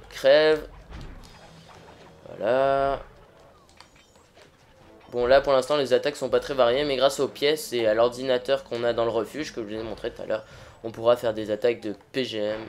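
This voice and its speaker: A man's voice: mid-range voice, a little hiss or hum. Casual man commenting on a video game. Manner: informal, hesitant, talking to viewers. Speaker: let's play host. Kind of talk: casual improvised gameplay commentary.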